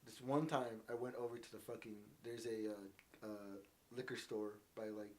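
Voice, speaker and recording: A man's voice: on the low side, fairly even intonation, normal speed. A young man telling rambling stories in a casual podcast chat, swearing constantly. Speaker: podcast guest.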